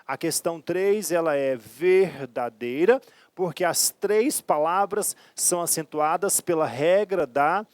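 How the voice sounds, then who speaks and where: A man with a Brazilian Portuguese accent leads an exam-prep grammar lesson in an emphatic, coaching way. He slows down to stretch key words and keeps asking short check-in questions. The sound is dry and close, with no room around it. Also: sits high, dry recording. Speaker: teacher.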